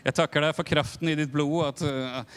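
A man's voice: a little high, steady tone, clear, resonant tone, voice pushed down, close to an everyday voice. A man doing a stunned pastor, voice shooting up. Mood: praying. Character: bewildered male pastor, older.

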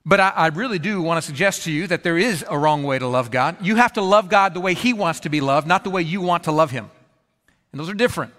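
A pastor preaching a sermon in a conversational, animated way, acting out little scenes with playful humor. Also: male voice, on the high side, quick pace. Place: church auditorium. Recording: long reverb of a large hall.

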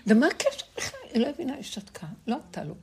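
A middle-aged woman with a somewhat high, gravelly voice teaches a spiritual lesson to her group. She tells stories in a lively, animated way, laughing between points. Faint noise sits under her voice. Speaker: religious teacher.

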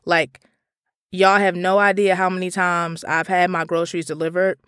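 A woman hosting a podcast, delivering a comedic monologue that swings between loud profane outbursts and low asides. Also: level tone, moderate pace, clean tone, no room sound, studio quality. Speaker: podcast host.

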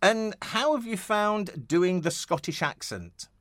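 Speaking slowly in a high, animated and slightly bright voice with no echo, a male radio host runs a casual interview in a radio studio. He chuckles frequently and jovially, rambling with plenty of fillers and restarts.

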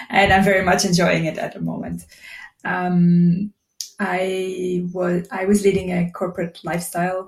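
A woman's voice: on the low side, gravelly, darkish tone. A woman from Belgium, an Ayurvedic practitioner, telling her story as an interview guest in a thoughtful, hesitant way. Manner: thoughtful and hesitant, many ums and restarts. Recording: roomy echo.

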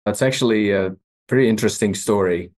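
A man's voice: lowish voice, a little fast, darkish tone. Czech-accented man telling stories. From Czech Republic. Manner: anecdotal, matter-of-fact, wry asides. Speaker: guest, company CEO. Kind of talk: storytelling interview answers.

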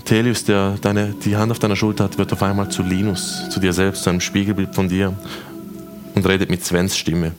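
A man from Switzerland narrating as game master of a tabletop game, slow and dramatic, voicing figures' quotes. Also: low voice, flat delivery. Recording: music playing behind.

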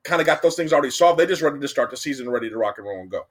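In a casual sports debate, this young adult podcast co-host rambles, repeats himself, and gets animated defending his predictions. His mid-range voice comes out rapid-fire.

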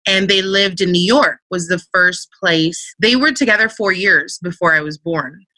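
A woman from Central Virginia, USA, is a podcast guest in a casual interview chat, telling personal stories in a chatty way full of filler words like "like" and "you know." Her voice is lowish, pushed and bright, at a moderate pace, recorded dry.

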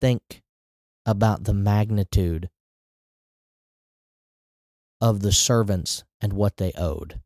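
A man's voice: lowish voice, measured pace, darkish tone, dry recording, studio quality. A man preaching a sermon in a conversational way, with rising emphatic asides.

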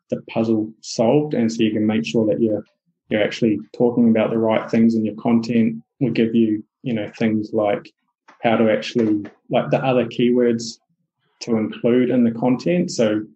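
In a muffled, reverberant recording, a man with a mid-range voice and a New Zealand accent chats about his business as a podcast guest. His manner is relaxed, and his talk is full of restarts and filler words.

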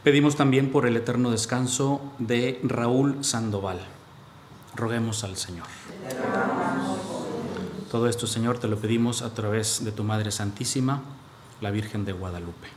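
A male priest leading the prayers of a Mass with steady, solemn recitation, his voice carried by the echo of a large church. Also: mid-range voice, measured pace, long pauses. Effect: cathedral echo. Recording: echoey church with faint background hiss.

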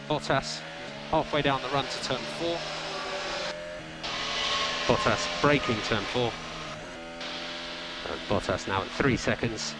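A man working as a race engineer, giving terse team radio calls to his driver and repeating the key words. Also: mid-range voice. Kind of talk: live team radio during qualifying.

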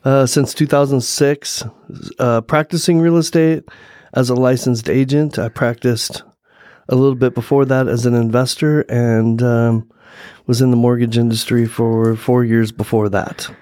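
A man's voice: mid-range voice, steady tone, measured pace, warm tone, dry recording, studio quality. A man co-hosting a casual podcast, chatty and jokey while talking real estate. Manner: jokey, chatty, laughs easily.

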